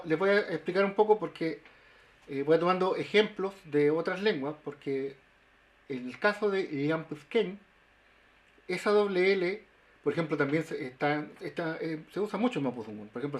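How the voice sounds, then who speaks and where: A man, a linguist explaining pronunciation in a webinar, with halting speech full of fillers and restarts. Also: fairly high pitch. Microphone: video call.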